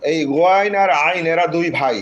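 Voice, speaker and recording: A man's voice: high-pitched, normal speed, a bit bright, muffled recording. A man teaching Arabic letters for Quran reading, patiently repeating letter names for listeners to say along. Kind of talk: slow step-by-step lesson with drilled letter names.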